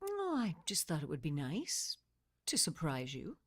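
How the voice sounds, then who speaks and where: A woman's voice: sits low, wildly swooping pitch, a little slow, full character voice. An actress playing a possessive witch wife in an old-time radio drama, teasing and commanding in manner. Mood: coy, teasing. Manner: coy, taunting, commanding.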